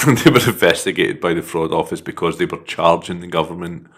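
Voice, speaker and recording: A man's voice: low voice, a little fast, fairly bright tone. A man with a Scouse accent, co-hosting a casual podcast chat, running through facts with jokes and laughs. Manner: jokey, reads facts out between laughs. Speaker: podcast co-host.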